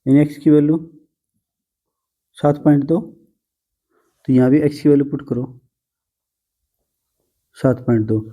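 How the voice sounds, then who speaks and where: Patient Hindi math teacher, dark husky voice. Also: male voice, on the high side, steady tone, measured pace, long pauses. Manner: patient, calls students "beta", teasing. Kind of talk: blackboard math lesson.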